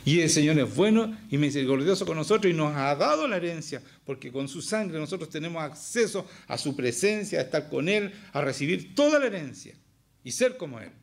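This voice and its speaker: A man's voice: on the high side, big pitch swings, a little fast, gravelly. A man with a Chilean accent preaching a sermon as pastor, emphatic and often firing questions at the congregation. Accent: Chilean Spanish.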